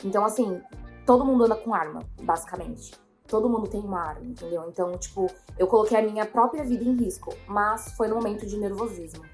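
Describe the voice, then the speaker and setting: A woman's voice: medium pitch, fast, a little mellow, soft background music. A young woman, telling a story to her viewers in a rambling way, full of fillers and quotes of herself. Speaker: vlogger.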